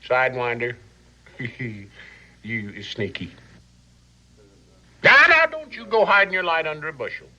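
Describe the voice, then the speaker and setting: Boisterous Southern river pirate captain, bright slow drawl. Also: male voice, fairly high pitch, expressive, lo-fi sound, exaggerated voice. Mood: sly, gleeful. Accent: American Southern. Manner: folksy slow drawl, theatrical, swinging from coaxing to blustering. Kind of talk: scripted western screen acting.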